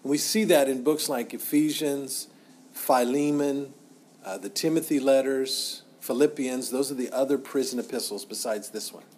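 A middle-aged man teaching as a pastor in an informal, halting, conversational way, often repeating himself. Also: mid-range voice, a little mellow.

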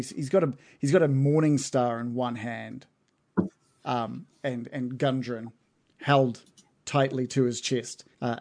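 A man running a tabletop game as game master, narrating casually in a halting, descriptive way. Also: mid-range voice, a little mellow, slight background noise.

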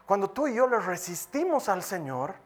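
A man preaching a sermon to his congregation, moving from loud emphatic lines to soft hushed ones and acting out the voices of the people he talks about. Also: high voice, very animated, moderate pace.

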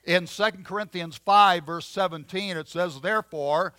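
A man's voice: sits high, steady tone, normal speed, bright, forceful tone, clean tone, no echo. A man preaching a sermon, telling a story from his childhood with many fillers and restarts. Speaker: pastor.

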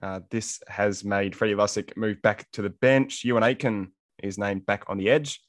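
Aussie male sports panellist, lowish pitch, dry sound, casual analysis. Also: steady tone, moderate pace, no echo. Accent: Australian. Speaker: fantasy rugby league panellist.

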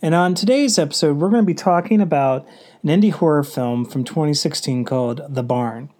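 A man's voice: a little high, a little fast, darkish tone. Congested man hosting a film review. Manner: rambling, filler-heavy delivery. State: congested with a cold.

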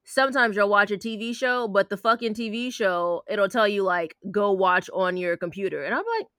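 Bright, blunt woman co-host. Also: mid-range voice, steady tone, moderate pace, clean tone, dry recording, studio quality. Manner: blunt, swears freely. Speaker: podcast co-host. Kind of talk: casual chat.

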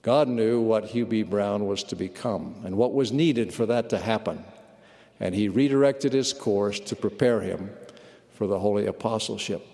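A man giving a sermon at a church conference, measured and earnest. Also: on the low side, mellow. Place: large conference hall. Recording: long reverb of a large hall.

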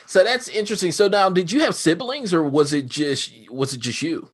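A man's voice: sits high, normal speed, breathy edge. A man interviewing a guest in a casual, playful way, acting out his own reactions as quotes. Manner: playful, animated, acts out quotes.

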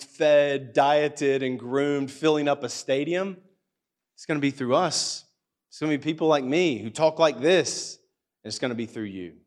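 Pastor, male, mid-pitched voice, earnest sermon delivery in a school hall on a mic. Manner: earnest, acts out listeners' doubts in a livelier voice. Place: school hall church gathering. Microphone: handheld or stand microphone.

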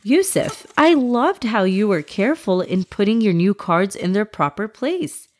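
A woman voicing a patient, caring mother in a children's story, gently instructing her young son. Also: medium pitch, animated, measured pace. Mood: gently firm.

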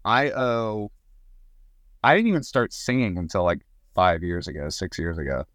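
A singer-songwriter from Southern Maryland, USA, appears as a guest on a podcast, talking casually with lots of fillers and restarts. His voice is deep and fairly bright, at a moderate pace.

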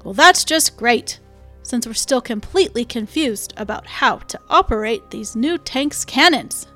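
A man's voice: extremely high pitch, lively intonation, measured pace, pushed and bright, soft background music, full character voice. A woman voicing a sarcastic young male tank soldier who grumbles.

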